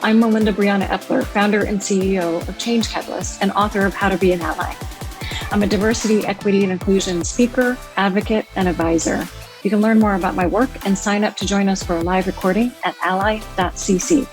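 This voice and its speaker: A woman hosting a podcast, upbeat in a scripted intro and relaxed when chatting with guests. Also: mid-range voice, fast, over music. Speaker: podcast host.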